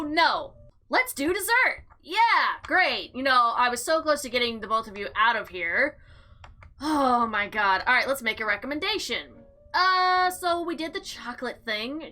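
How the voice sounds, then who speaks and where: A woman with a high, sharp voice plays a visual novel, reading it aloud expressively and dramatically. She adds casual commentary in this let's play, with faint music in the background.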